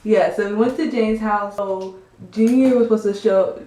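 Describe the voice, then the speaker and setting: A woman's voice: mid-range voice, fairly even intonation, moderate pace, warm tone. A young woman casually telling a rambling story to the camera, full of fillers. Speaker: storytime vlogger. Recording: echoey room.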